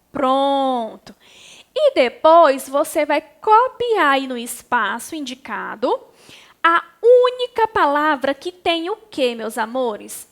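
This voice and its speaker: A Brazilian woman with a high voice teaches young children in a recorded class. She speaks slowly and patiently, calling them affectionately and guiding each step of the exercise. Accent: Brazilian Portuguese. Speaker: primary school teacher.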